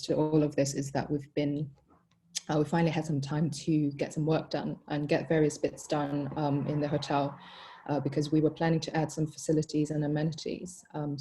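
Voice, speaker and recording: A young woman with a low, mellow voice, born in Hong Kong and raised in Italy and Malaysia, answers casual interview questions as a guest and hotel co-founder. She is thoughtful and uses many ums and "you know" fillers, and the rough recording has a little hiss or hum.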